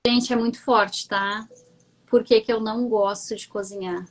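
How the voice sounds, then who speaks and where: Chatty gaúcho woman, slightly high voice. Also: steady tone, moderate pace, low-quality recording. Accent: southern Brazilian (gaúcho). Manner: chatty and candid, often checking in with "entende?". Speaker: coach, guest. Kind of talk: casual personal storytelling on a live stream.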